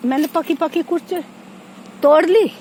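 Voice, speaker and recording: Unhurried high-voiced village woman vlogging outdoors. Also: darkish tone, poor audio. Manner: chatty, pointing things out to viewers. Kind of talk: casual walking tour vlog. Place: outdoors on a farm. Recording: faint outdoor noise.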